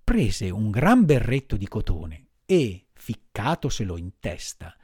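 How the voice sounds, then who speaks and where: A man reading a children's classic aloud as an expressive, theatrical storybook narrator. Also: fairly low pitch, takes it slowly, husky, no echo, studio quality. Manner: animated, theatrical. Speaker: audiobook narrator.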